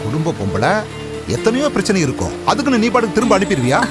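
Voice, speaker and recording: A man's voice: sits high, huge pitch swings, very fast, music in the background. An actor voicing a male office boss who acts kind but is sleazy and wheedling. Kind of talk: dubbed film acting.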